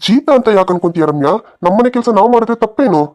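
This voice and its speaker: A man voicing a village neighbor and a husband in a cartoon comedy, reasoning in a plain, hurried way. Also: sits high, animated, darkish tone.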